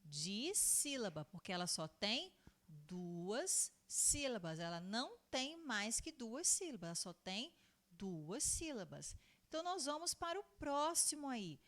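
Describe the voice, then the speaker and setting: A woman, a primary school teacher, records a lesson for young children. Her voice sits a little high and swoops up and down a lot, lingering on words as she spells them out. She repeats each point patiently and answers her own questions. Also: big pitch swings, a bit bright. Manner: stretches out words slowly when spelling them out.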